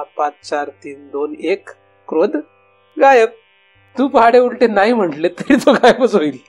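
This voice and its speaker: A man from India with a Marathi accent gives a devotional discourse as a spiritual teacher. He talks conversationally and poses rhetorical questions to his listeners. His voice is very high.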